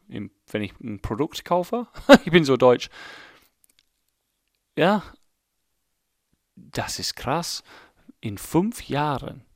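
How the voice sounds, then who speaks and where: Speaking German with an English accent, a gravelly, medium-pitched Englishman in his late thirties hosts a casual solo podcast. A native English speaker, he rambles and ribs himself as he thinks out loud, recorded dry at studio quality.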